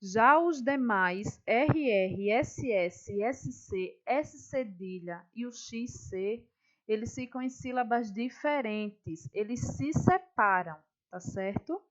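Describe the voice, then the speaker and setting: Woman schoolteacher, patient and unhurried, higher voice; lessons explained step by step. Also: animated, dull audio. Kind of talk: classroom lesson.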